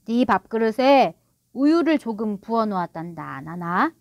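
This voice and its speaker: A woman's voice: a little high, big pitch swings, a little slow, dry recording, lo-fi sound. A woman voicing a proud, sulky middle-aged father who blusters and gets defensive. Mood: indignant.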